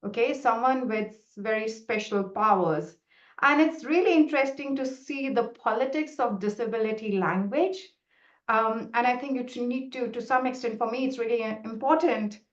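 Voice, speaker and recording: Over roomy, muffled video call audio, a middle-aged woman who is a native Hindi speaker fields webinar questions about her research findings. She speaks at a moderate pace in a slightly high voice, explaining earnestly and frequently starting over.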